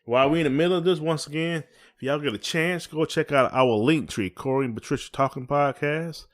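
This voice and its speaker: He co-hosts a relaxed podcast, speaking a bit fast in a voice on the higher side. His delivery is rambling and down-home, full of repeated phrases.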